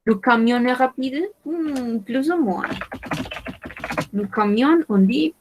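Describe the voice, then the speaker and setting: Slow, careful female French teacher. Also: high-pitched, slight background noise, poor audio. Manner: slow, careful, repeats words for learners. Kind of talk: online language lesson.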